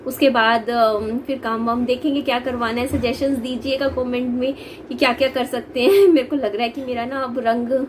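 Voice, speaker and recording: Speaking at a normal pace with fairly even intonation and hardly any pauses, a young woman vlogs casually about family life. Her high, bright voice carries chatty, hesitant sentences broken up by frequent laughter. A slight hiss sits in the background.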